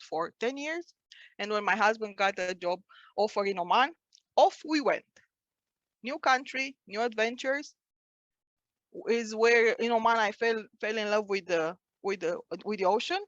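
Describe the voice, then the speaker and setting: A woman's voice: fairly high pitch, no echo, dull audio. A woman in her forties, from Romania, giving a prepared personal speech at a speaking club and telling family stories with frequent restarts.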